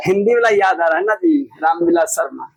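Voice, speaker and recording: A man teaching with a Bihari Hindi accent, loudly quizzing his class and repeating each answer in call-and-response. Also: fairly high pitch, brisk, husky, no echo, low-quality recording. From Bihar, India. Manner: loud, repetitive quizzing that drills students with call-and-response. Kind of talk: classroom exam drill lesson.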